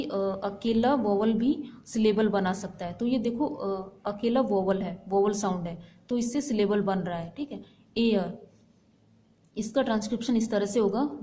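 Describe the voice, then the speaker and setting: A woman teaching an English lesson to exam students, reading definitions slowly and explaining them in a chatty way, often checking that her students follow. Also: mid-range voice, mellow, a little hiss or hum.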